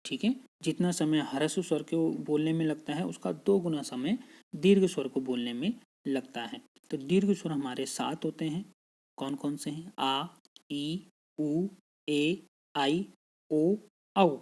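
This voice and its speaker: Mellow-voiced man teaching a grammar lesson. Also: on the high side, measured pace. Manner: patient, repeats points, frequent "theek hai" check-ins.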